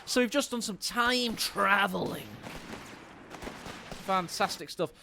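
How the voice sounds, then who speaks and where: Casting a live strategy match on stream, this man speaks slowly in a high, creaky voice, playful and jokey as he talks straight to viewers. There's noise in the background.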